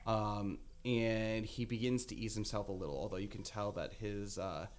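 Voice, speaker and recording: A man narrating as game master of a tabletop game, halting with many fillers. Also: lowish voice, steady tone, a little hiss or hum.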